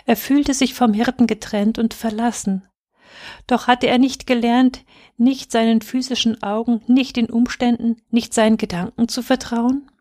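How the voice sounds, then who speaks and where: A woman reading a children's book aloud in calm, measured storytelling narration. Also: a little high. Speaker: audiobook reader. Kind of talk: scripted narration.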